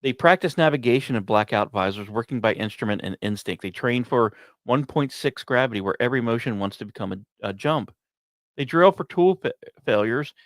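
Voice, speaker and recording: In a medium-pitched voice, a man hosting a podcast narrates space and science content like a dramatic story, pausing between short fragments and sometimes turning aside to speak to listeners. The audio is dry and close, with little room sound and no echo.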